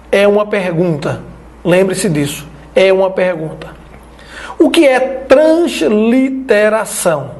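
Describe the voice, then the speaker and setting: A man from Brazil teaching an online Biblical Greek lesson, explaining slowly and checking in with his listeners as he writes on the screen. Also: sits high.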